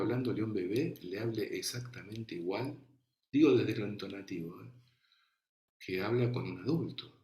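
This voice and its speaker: A man with an Argentine Rioplatense accent giving an online class lecture, speaking slowly and thoughtfully with frequent fillers. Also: on the low side, reverberant. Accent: Argentine Rioplatense Spanish.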